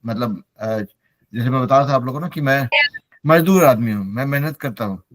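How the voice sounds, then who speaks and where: A man's voice: mid-range voice, a little fast, no echo. A middle-aged man, a native Hindi speaker, teaching an online English class and mixing Hindi with English as he encourages his students.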